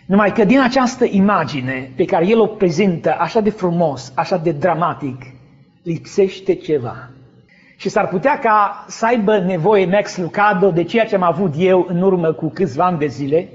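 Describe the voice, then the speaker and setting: A man preaching a sermon, telling a vivid story with dramatic swells that build to shouts. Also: sits high, muffled recording. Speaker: pastor.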